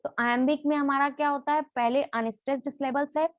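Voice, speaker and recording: A young woman teaches literature terms for an exam, posing each question aloud and answering it right away. Her voice sits high. The sound is dry and close, with no room echo. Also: steady tone, quick pace, lo-fi sound. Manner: repeats each point as a question and then answers it. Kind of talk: exam-prep lesson in Hindi mixed with English.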